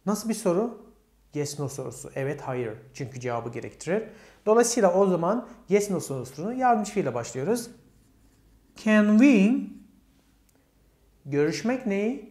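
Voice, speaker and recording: A man teaches English grammar to Turkish speakers step by step, asking his students questions and then answering them himself. He pronounces the English examples with a Turkish accent, in a high, slightly mellow voice. The room sounds echoey.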